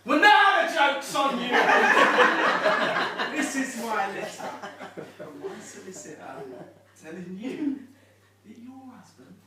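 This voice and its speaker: A woman's voice: on the high side, expressive, slow. A woman audience volunteer playing a scornful male pub landlord who confronts his wife, speaking in a mocking tone. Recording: echoey room with faint noise, mic far off.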